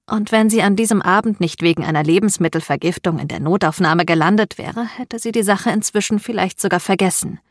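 A woman narrating an audiobook chapter in a calm, measured reading style. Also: fairly low pitch, dry recording, clean studio sound. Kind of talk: scripted narration.

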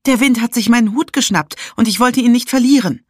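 A woman's voice: fairly high pitch, brisk, dry recording, studio quality, voice pushed up, close to an everyday voice. A narrator voicing a spirited young woman detective who exclaims and defends herself. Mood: flustered.

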